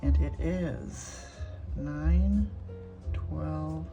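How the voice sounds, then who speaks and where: A woman's voice: low voice, drawn-out words, music in the background. A woman hosting her art vlog, thinking aloud as she paints and murmuring small self-critical remarks. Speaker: art channel host. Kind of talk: casual art demonstration vlog.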